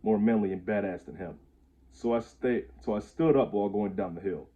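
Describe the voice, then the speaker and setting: A man's voice: on the low side, fairly quick, warm tone. A man in his twenties casually reading aloud his own handwritten story, stumbling over the words and chuckling at himself. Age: 20s. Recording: tinny phone-like audio.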